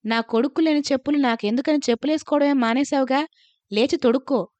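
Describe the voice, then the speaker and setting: A woman voicing an old village barber who mourns his friend in slow, heavy, lamenting words. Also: high-pitched, darkish tone, no room sound, natural voice. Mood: grieving.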